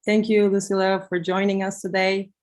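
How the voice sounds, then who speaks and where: A woman's voice: medium pitch, little pitch movement, normal speed. A woman hosting an online meetup over a video call, polite and helpful. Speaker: meetup host.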